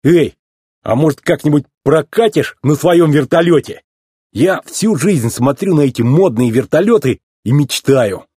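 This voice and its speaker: A man putting on a rusty old tow truck who is goofy, teasing and boastful, stretching his words out in a slow, sing-song drawl. The voice sits well above a normal man's speaking pitch and swoops widely, with a husky edge, and it sounds close and dry. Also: expressive, warm tone, dry recording. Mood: cheerful. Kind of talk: storybook reading.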